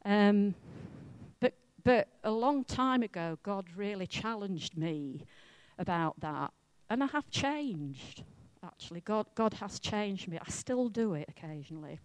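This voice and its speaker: Slow-paced Welsh woman preaching. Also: medium pitch, smooth, dry recording. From Wales. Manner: chatty, self-mocking, lively preaching. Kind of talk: sermon.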